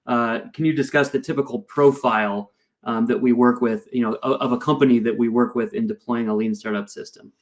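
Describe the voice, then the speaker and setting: A man's voice: medium pitch, a little fast. Man hosting a webinar. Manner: relaxed, reads audience questions. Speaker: webinar host. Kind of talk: casual moderating.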